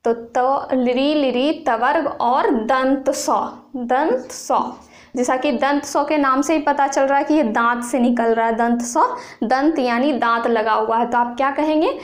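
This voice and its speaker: Young bihari lady teaching grammar, high voice, says each rule twice slow. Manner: slow, repeats rules aloud and asks questions to the viewer. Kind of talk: classroom grammar lesson.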